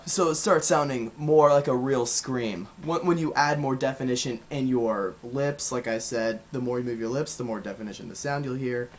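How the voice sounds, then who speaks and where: A young man talks through vocal technique in a relaxed video lesson, at a middling pitch. He rambles a little and fills pauses as he explains. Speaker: vocal coach.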